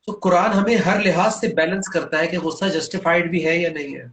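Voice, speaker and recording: A man's voice: fairly high pitch, steady tone, fairly bright tone, roomy sound. A man explaining Quranic teaching in an earnest, patient way, reciting short Arabic verses as he talks. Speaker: guest speaker on religion.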